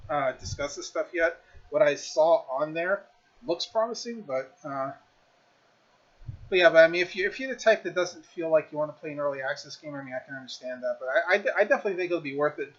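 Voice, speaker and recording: A man's voice: a little high, fairly bright tone, dull audio. A man casually reviewing a video game on his stream, rambling with lots of fillers and restarts.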